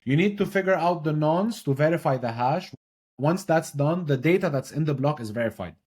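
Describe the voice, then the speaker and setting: A young adult man from Lebanon, a podcast guest who explains technical ideas in an energetic, casual way, often checking in with "right?". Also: fairly high pitch, moderate pace, husky. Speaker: podcast guest, blockchain consultant. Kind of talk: casual explanatory interview talk.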